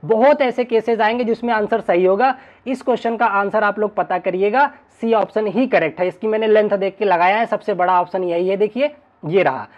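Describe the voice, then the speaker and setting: A man's voice: sits high, highs cut off. A male teacher giving an online exam-prep lesson, chatty and constantly checking in with his students. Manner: chatty, keeps checking in with "ठीक है ना".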